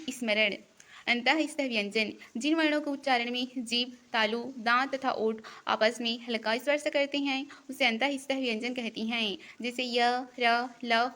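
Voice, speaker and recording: A woman teaching an exam-prep lesson, reading out definitions in a steady, deliberate cadence. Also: on the high side.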